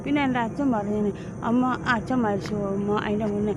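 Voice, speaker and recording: A woman's voice: medium pitch, steady tone, quick pace, noisy background. A woman in her fifties with a Mahe Malayalam accent, chatting loosely to her phone on an early-morning walk outdoors, full of restarts and fillers. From Mahe, Puducherry. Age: 50s. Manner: rambling, frequent restarts and fillers. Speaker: vlogger and home tutor. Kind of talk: casual chatty vlog.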